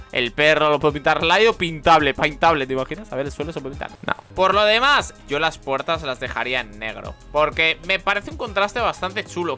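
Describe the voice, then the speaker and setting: A young man with a Spain Spanish accent, chatting excitedly and joking while commenting on his gameplay. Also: a little high. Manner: excitable, chatty, jokey, loud outbursts. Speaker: gaming youtuber.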